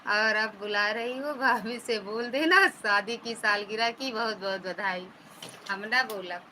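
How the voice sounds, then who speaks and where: A woman's voice: a little high, measured pace, background noise. A woman with an Awadhi accent, hosting a casual live stream on her phone, chatting and answering viewer comments. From Uttar Pradesh, India.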